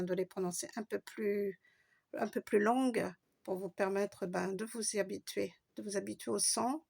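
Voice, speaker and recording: A woman's voice: mid-range voice, creaky, a little mellow. A woman giving a patient, step-by-step Arabic reading lesson, spelling out letters and stretching long vowels. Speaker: Arabic teacher.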